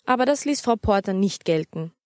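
A woman's voice: mid-range voice, no room sound, studio quality. Woman reading a children's story. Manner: steady, measured reading. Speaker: narrator.

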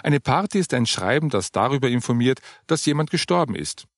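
A male narrator voices a calm older churchgoing woman, patient and gently cheerful as she explains things. His take on her sits a little higher than his usual tone, swings widely in pitch, and moves fairly quickly, with dry, close sound and no echo.

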